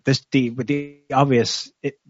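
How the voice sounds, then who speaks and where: A man co-hosting a political discussion, reading out quotes and analysing them in a measured way. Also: medium pitch, little pitch movement, no echo, soft background music. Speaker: co-host. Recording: muffled dry audio.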